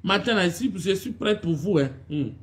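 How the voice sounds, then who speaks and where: A woman's voice: mid-range voice, expressive, moderate pace. A woman hosting a live stream, repeatedly greeting viewers by name and scolding them. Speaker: online video personality hosting a live stream. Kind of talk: live stream chat with followers.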